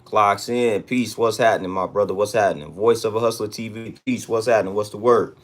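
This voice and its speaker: A man's voice: on the low side, brisk. An American man hosting a casual livestream check-in, talking in street slang and repeating hype catchphrases. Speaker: livestream host.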